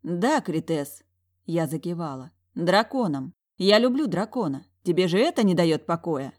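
A woman's voice: fairly low pitch, expressive, normal speed, darkish tone. A woman voicing a proud young heroine who answers in a clipped, defiant way in an audiobook.

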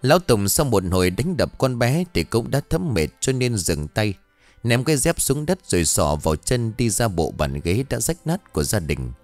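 A man reading an audio story aloud in an expressive, dramatic narration style. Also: medium pitch, normal speed, dry recording, faint music behind.

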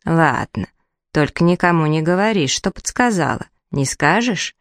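A woman voicing a grumpy, preachy magic hut on chicken legs with a creaky, unpleasant voice. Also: deep voice, lively intonation, normal speed, no room sound, clean studio sound. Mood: grumbling. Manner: nagging and preachy.

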